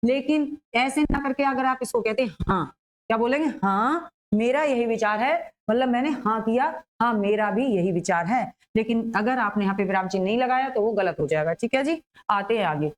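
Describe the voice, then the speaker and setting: A woman's voice: fairly high pitch, a little fast, rough recording. A woman teacher giving an exam-prep grammar lesson, explaining patiently and asking and answering her own questions.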